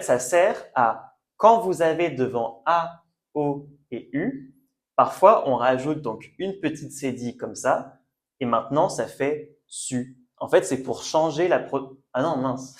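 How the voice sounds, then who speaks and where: A man teaching a French pronunciation lesson, slowly repeating each word for learners. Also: mid-range voice, lively intonation. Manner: slow, careful, repeats words for learners. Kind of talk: language lesson at a whiteboard.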